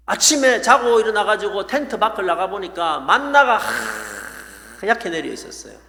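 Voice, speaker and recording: Man, pastor, animated revival preacher, echoey sanctuary. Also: sits high. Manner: animated storytelling with playful asides. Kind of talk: revival sermon. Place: church sanctuary. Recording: echoey church hall.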